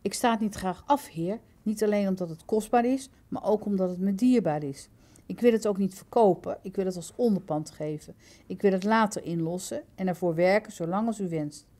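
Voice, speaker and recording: Woman voicing an earnest young male traveller, mellow and respectful. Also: mid-range voice, brisk, natural voice. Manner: respectful, keeps answering "yes, sir".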